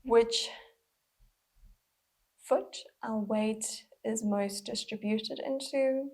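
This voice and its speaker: This mindful movement instructor's voice is on the high side, breathy and a bit husky, with a steady tone. She takes listeners through a guided body scan gently and slowly, pausing as she goes.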